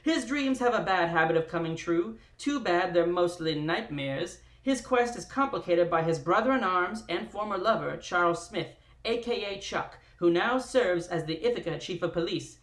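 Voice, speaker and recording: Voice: medium pitch, animated, a bit bright, lightly acted. Streamer doing a vintage radio announcer. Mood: dramatic. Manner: theatrical, punchy pauses. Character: dramatic old-time radio announcer narrating a recap. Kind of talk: 1940s radio narration. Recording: roomy echoey room.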